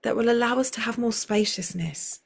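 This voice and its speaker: A woman who works as a circle facilitator is interviewed as a guest over a video call, talking in a flowing, rambling way with frequent restarts. Her voice is somewhat high and husky, with vocal fry, at a normal speed.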